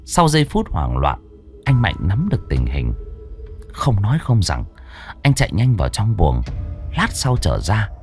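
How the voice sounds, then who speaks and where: A man narrating a village horror story in a dramatic reading style, slowing down for suspense. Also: fairly low pitch, wildly swooping pitch, a little mellow, soft background music. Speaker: audiobook narrator.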